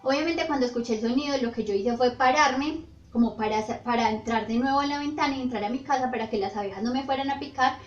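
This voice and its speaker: A young woman vlogger telling her own paranormal stories in an animated, breathless way. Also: sits high, quick pace. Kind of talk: storytime narration. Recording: roomy, slightly dull, faint music. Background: faint background music.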